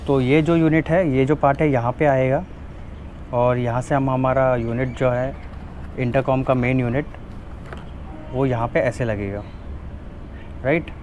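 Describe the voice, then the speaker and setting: This motovlogger speaks in a steady, mid-range, darkish voice, a bit slow and full of pauses, over a faint hiss or hum. He's an Indian-accented man walking through an unboxing and installation, mixing Hindi with English phrases in a relaxed, informal way.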